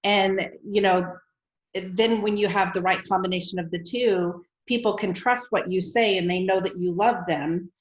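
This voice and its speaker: A woman's voice: mid-range voice, fairly even intonation, moderate pace, lo-fi sound. A woman hosting a book club on a video call, chatty and upbeat with frequent ums. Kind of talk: casual chat on a video call. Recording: roomy video call audio.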